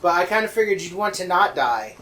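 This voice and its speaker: Male co-commentator, sarcastic and teasing, notably high voice, faint background noise. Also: sing-song, brisk, bright, forceful tone. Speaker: let's play co-commentator. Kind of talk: casual gaming commentary.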